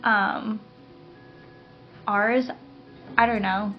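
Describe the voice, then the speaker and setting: A woman's voice: mid-range voice, drawn-out words, soft background music. Chatty woman podcast host, slightly dull sound. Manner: relaxed, chatty, many fillers. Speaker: podcast co-host, garden operations manager. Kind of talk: casual chat.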